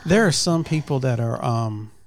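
Gravelly man, casual chat. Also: medium pitch, lively intonation, moderate pace, a little hiss or hum. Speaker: podcast host. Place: at a family farm.

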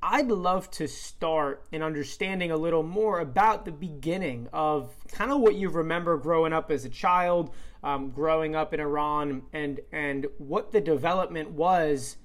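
A man's voice: on the high side, moderate pace. Earnest rambling podcast host, man. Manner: earnest, rambling, lots of fillers. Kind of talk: casual interview.

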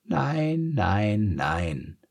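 A man voicing an old female sea captain, a gruff grandmother, speaking low and slow with a soft, husky voice. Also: animated, dry recording, full character voice. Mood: tender.

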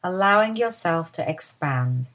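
In a slow, calm body-awareness session, a woman with a low voice guides listeners through a lie-down as their movement teacher. She speaks softly and soothingly, never rushing from one instruction to the next.

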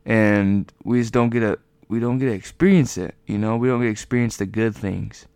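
A man hosting a personal podcast while lying on the floor, talking casually and reflectively, haltingly repeating words as he searches for the next one. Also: on the low side, fairly even intonation, a little mellow, smooth, no echo. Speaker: podcast host. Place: lying on the floor of a room at home.

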